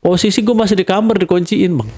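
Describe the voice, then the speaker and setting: A man's voice: high voice, quick pace, slightly rough, no room sound. Slangy Jakarta man telling a story. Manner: slangy, animated, acts out quarrels in a raised voice. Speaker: guest telling a personal story. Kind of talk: casual storytelling.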